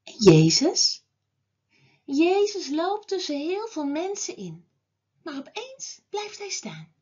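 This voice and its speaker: A woman teaching a children's Bible class, telling a story to children in an expressive way. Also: extremely high pitch, highs cut off. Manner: slow, expressive, lively telling.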